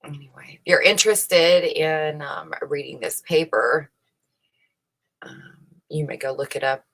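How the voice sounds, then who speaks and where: Her voice is deep and a bit bright, steady in tone and unhurried. She reads out research and gives casual commentary on it, opinionated and emphatic, frequently asking the listener rhetorical questions.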